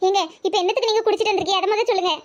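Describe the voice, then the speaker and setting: A woman doing a shrill wailing Tirunelveli wife. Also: steady tone, racing, muffled recording. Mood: scolding. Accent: Tirunelveli Tamil. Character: scolding anguished middle-aged wife and mother. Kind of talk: comedy cartoon voice acting.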